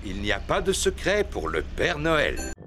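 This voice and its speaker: A man's voice: fairly high pitch, huge pitch swings, unhurried, loud music behind the voice, exaggerated voice. A man voicing a reassuring, easygoing father pig in a children's cartoon.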